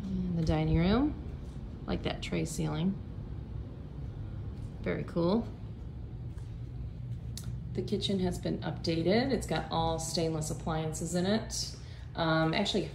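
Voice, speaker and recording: A woman realtor from Florida, with a deep voice and vocal fry, gives a casual, upbeat tour of an empty condo, full of fillers as she walks from room to room. She films on a phone held in her hand, so the empty rooms echo and background noise comes through.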